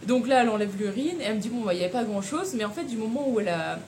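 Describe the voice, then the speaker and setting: A young woman telling a personal story in a casual, animated way, with slang and frequent laughter. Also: a little high, very fast, slight background noise. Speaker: vlogger.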